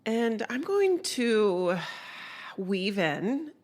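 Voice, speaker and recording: A woman hosting a reflective solo podcast, sounding congested, speaking softly and musingly with frequent small laughs. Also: a little high, sing-song, very slow. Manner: soft, musing, laughs often. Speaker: podcast host.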